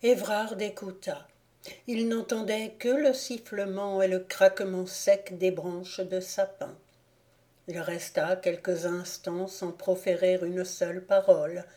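A woman reading a classic novel aloud as a volunteer audiobook narrator, in a measured, unhurried manner. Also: fairly low pitch, flat delivery, mellow.

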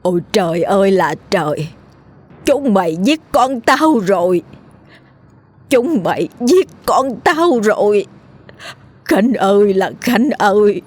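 A woman voicing a crazed, grieving older mother who shrieks in a drawn-out lament in a horror story. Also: medium pitch, sing-song, darkish tone. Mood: frantic.

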